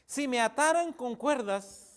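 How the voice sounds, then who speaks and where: A man preacher voicing a strong man confiding a lie in a sermon retelling, in a low, confiding tone. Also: expressive, unhurried. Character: strong man boasting, then lying to his lover.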